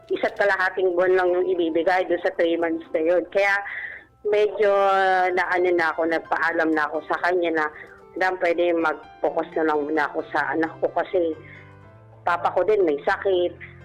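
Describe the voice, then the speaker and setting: With a lowish voice, fairly even intonation and a moderate pace, a former overseas domestic worker from the Philippines shares her story as a radio caller. This Filipino woman is courteous and deferential in the casual interview. The recording is rough, with background music running behind her.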